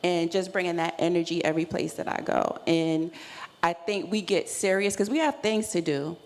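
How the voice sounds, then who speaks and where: A woman whose voice is on the low side and darkish shares reflective thoughts on self-care at a live panel event, speaking at a moderate pace. Her manner is earnest and affirming, and the room is reverberant with clear background noise.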